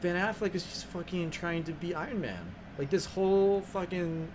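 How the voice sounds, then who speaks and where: Excitable swearing man on a podcast. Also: noisy background. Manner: excitable, swears often, quick shifts in pitch. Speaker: podcast co-host. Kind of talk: casual podcast chat.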